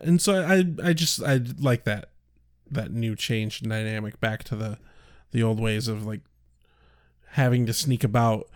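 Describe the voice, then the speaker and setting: A man co-hosting a podcast in casual chat, animated and acting out quotes as he recaps. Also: on the low side, unhurried, dry recording, studio quality. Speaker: podcast co-host.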